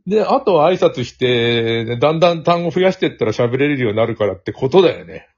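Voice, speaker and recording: A man's voice: mid-range voice, very animated, fast, breathy edge. A man hosting a casual podcast chat, rambling and laughing often as he talks. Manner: rambling, chatty, laughs often, mixes standard and Kansai speech. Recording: dull lo-fi sound.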